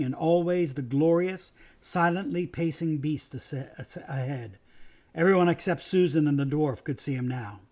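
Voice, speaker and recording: A pastor reading a children's novel aloud, expressive and doing voices for the characters. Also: male voice, fairly high pitch.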